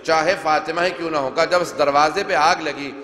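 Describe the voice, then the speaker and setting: Man, preacher, high register, declamatory sermon style, recorded in a roomy reverberant hall. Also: steady tone, bright, forceful tone. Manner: declamatory, retells narrations with quoted dialogue. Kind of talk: majlis sermon recitation. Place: large hall with long reverb.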